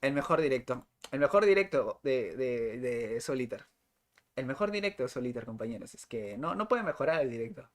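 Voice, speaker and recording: A man's voice: medium pitch, sing-song, moderate pace. A young male streamer talks over live gameplay. He is chatty and exclamatory, and he repeats his words as he reacts. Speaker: game streamer.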